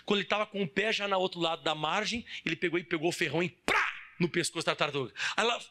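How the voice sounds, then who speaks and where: A man preaching a sermon as pastor, animated, firing rhetorical questions at the congregation and shouting for emphasis. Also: high-pitched, very fast, a little hiss or hum. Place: church service hall.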